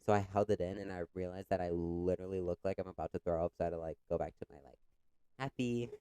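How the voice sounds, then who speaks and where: A young man's low, warm, smooth voice moves fast with fairly even intonation, with no echo. As a podcast co-host in casual conversation, he sounds congested and coughs, rambling with plenty of "like" fillers. He retells stories by voicing the people he quotes.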